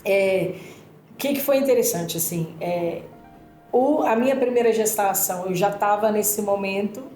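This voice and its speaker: A woman's voice: medium pitch, normal speed. A woman with a Brazilian accent chatting casually, telling a personal story full of fillers. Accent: Brazilian Portuguese. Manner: animated storytelling with many fillers. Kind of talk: casual chat. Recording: roomy sound with music behind.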